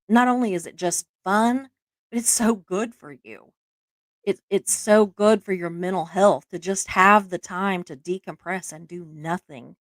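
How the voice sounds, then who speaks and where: Hosting a live stream, a middle-aged woman with a Southern US accent chats casually and pokes fun at herself, laughing a lot and filling her speech with fillers. Her voice is lowish and slightly bright, recorded without echo.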